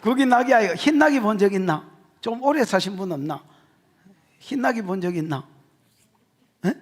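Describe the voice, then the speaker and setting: A man with a Gyeongsang Korean accent preaching an expository sermon as pastor, joking with the congregation and shouting his key points. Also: high-pitched, normal speed. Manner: animated, jokey, shouts for emphasis.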